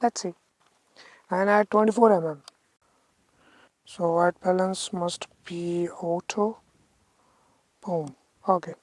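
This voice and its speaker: A woman with a North Indian accent talking casually as a photography vlogger, haltingly thinking aloud. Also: lowish voice, steady tone, darkish tone, low-quality recording. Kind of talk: casual vlog talk to camera.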